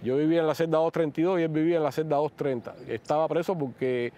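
A man with a Cuban accent, a guest recounting his years in prison in an animated interview manner. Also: a little high, fast talker. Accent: Cuban Spanish. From Cuba. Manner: animated, acts out quoted speech. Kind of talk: interview storytelling.

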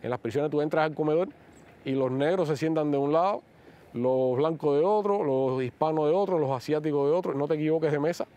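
A man with a Cuban accent, a guest recounting his years in prison in an animated interview manner. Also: on the high side, brisk, highs cut off. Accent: Cuban Spanish. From Cuba. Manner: animated, acts out quoted speech. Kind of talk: interview storytelling.

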